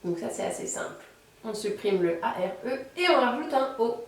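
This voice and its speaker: A woman teaching a beginner language lesson, patiently explaining and slowing down to model each word. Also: fairly high pitch, animated, heavy reverb, recorded from a distance. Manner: patient explaining, slows down to model Italian words. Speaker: Italian teacher.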